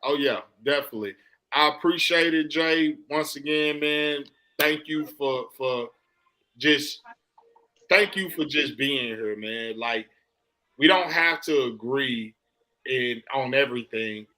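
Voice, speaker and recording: A man's voice: medium pitch, takes it slowly, bright, forceful tone, low-quality recording. A man hosting a podcast, delivering an impassioned, emphatic soapbox monologue in casual, slangy, profane speech, often repeating himself for emphasis. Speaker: podcast host.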